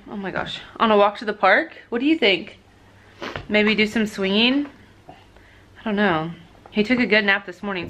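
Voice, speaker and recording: Bright, chatty young mom vlogger. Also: female voice, a little hiss or hum. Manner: chatty, talks in a high sing-song to her baby. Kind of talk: casual home vlog. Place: at home, then by car at a park.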